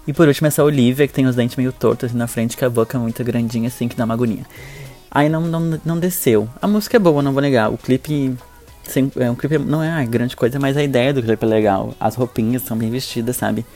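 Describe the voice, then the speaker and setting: A man's voice: medium pitch, fast talker, warm tone, faint music behind. A man with a Brazilian Portuguese accent co-hosting a podcast, chatting in a gossipy, blunt and campy way. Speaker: podcast co-host. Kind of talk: casual podcast chat.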